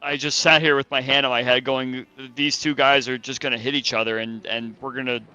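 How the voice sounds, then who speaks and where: A man adds color commentary to an online sim race, talking his thoughts through with plenty of restarts. His voice is bright and sharp-edged at an ordinary middle pitch. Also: level tone, brisk, clear, resonant tone, no room sound, dull audio. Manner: chatty and thinking aloud, with restarts.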